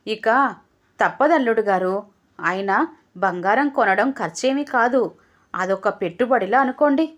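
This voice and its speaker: A woman's voice: fairly high pitch, a little slow, lightly acted. A woman voicing a scheming widowed mother-in-law who talks in a wheedling, evasive way.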